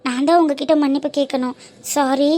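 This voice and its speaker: A woman voicing a remorseful high-voiced young woman. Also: fairly even intonation, fairly quick, mellow, natural voice. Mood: apologetic. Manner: pleading, self-blaming. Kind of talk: cartoon dub acting.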